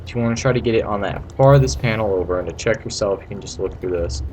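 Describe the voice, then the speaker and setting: A low-pitched man with a darkish tone talks fast through a video game, keeping his commentary casual, playful and rambling, like an amateur creator guiding viewers. The home recording is noisy.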